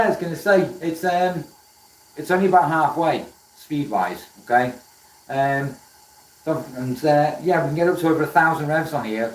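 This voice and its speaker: Recorded roughly and from far off in an echoey room, this man from Wales speaks in a fairly high voice with a South Welsh accent. He hosts a woodturning livestream, chatting as he works at a running lathe, greeting viewers by name with lots of fillers and a friendly manner.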